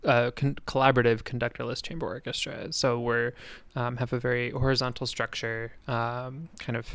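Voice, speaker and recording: A man's voice: mid-range voice, level tone, normal speed, a bit bright, clean tone, no echo. A man answering interview questions as a musician guest. He speaks hesitantly, with many fillers and self-corrections.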